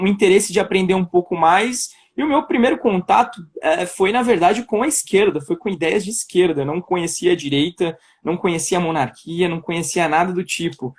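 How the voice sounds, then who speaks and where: A man's voice: high-pitched, breathy edge. A young man with a São Paulo accent, a guest chatting casually in a live-stream interview over a video call, laughing often and trailing off into restarts. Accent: Paulistano Brazilian Portuguese. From Brazil, São Paulo. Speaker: guest, political pre-candidate.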